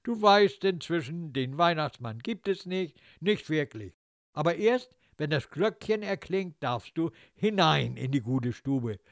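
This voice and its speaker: Guy reading a story out loud, kinda high voice, wry and expressive, super dry recording. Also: a little slow, no room sound. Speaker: narrator of a story. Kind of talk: scripted literary narration, slipping into characters' voices and thoughts.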